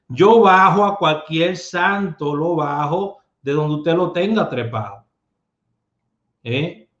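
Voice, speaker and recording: High-voiced man, emphatic. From Dominican Republic. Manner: emphatic and streetwise, with rhetorical tag questions. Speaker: lottery numerologist host. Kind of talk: casual advice monologue. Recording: echoey room, dull lo-fi sound.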